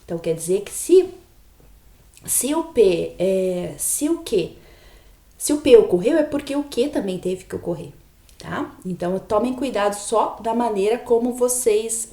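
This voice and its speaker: A woman's voice: mid-range voice, animated, measured pace, warm tone. Patient woman lecturing in a roomy space. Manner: patient and explanatory, often checking in with the class. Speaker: logic lecturer. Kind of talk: recorded online lecture.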